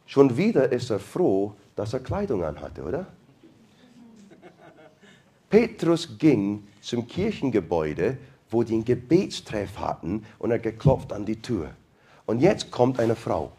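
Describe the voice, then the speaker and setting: Male preacher, sermon storytelling, playful, lively pitch. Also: measured pace, husky. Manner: playful, asks the congregation questions. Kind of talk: sermon retelling a Bible story.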